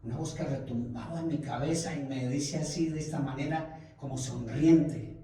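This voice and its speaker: A man's voice: medium pitch, steady tone, moderate pace, mellow. A man preaching a Bible study, telling his testimony with emotion and repeating phrases for emphasis. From Colombia. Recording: very echoey room, mic far off.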